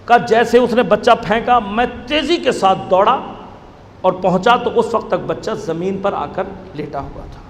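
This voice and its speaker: A male preacher delivers a Shia majlis sermon in a high-pitched, expressive voice, telling a story that builds into impassioned, wailing appeals. It was recorded in an echoey hall with faint background noise.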